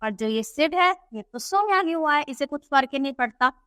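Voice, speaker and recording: A woman teacher, reading a story aloud slowly and explaining it to children. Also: high-pitched, expressive, a bit bright, no echo. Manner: reads English text very slowly, then explains in quick Hindi.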